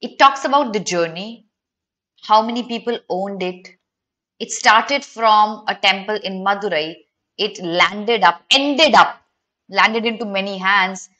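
This young adult teacher, who has an Indian accent, goes through exam options in an online lesson at a measured pace. Her medium-pitched voice is bright and forceful, and she questions her students emphatically while mixing Hindi with English.

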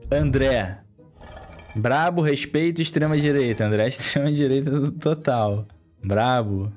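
A man's voice: mid-range voice, unhurried, darkish tone, soft background music. A man streaming live, handing out blunt, irreverent snap verdicts full of slang.

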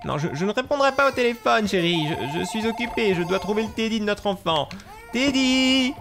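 A man giving excitable gameplay commentary, yelping and gasping at scares and scolding the game's baby. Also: sits high, a little fast, vocal fry, over music. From France. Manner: animated, shouts and gasps at scares, scolds the game baby. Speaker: gaming youtuber.

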